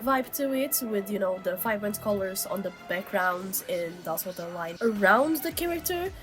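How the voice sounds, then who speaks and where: Still a bit sick, this woman co-hosts and chats informally about drawings, sprinkling in lots of "like." She's a digital artist whose medium-pitched voice is expressive and a little bright, moving at a moderate pace over background music.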